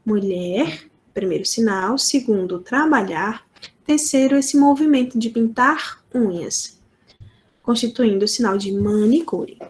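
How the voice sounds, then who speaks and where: Woman teacher, Brazilian Portuguese accent, unhurried, slightly high voice, patient step-by-step explaining. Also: expressive, a little mellow. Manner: slow, deliberate explaining with frequent checks for understanding. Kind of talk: online lesson explaining sign language phonology.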